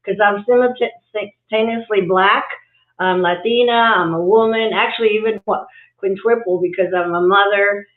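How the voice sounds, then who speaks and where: Heard through echoey, phone-like video-call audio, a guest executive coach raised in Cuba and New York City talks thoughtfully on a livestream interview. Her mid-range voice keeps a steady tone at a normal speed, punctuated by many fillers and restarts.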